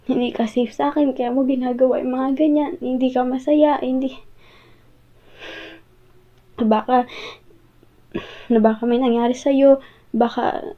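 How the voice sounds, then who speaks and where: Casting: actress as jealous, wounded young-love girlfriend, Filipino accent, high female voice, halting pleading delivery, audio role-play, thin phone-like sound. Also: fairly even intonation. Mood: pleading, insecure. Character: hurt jealous girlfriend confronting partner who came home late.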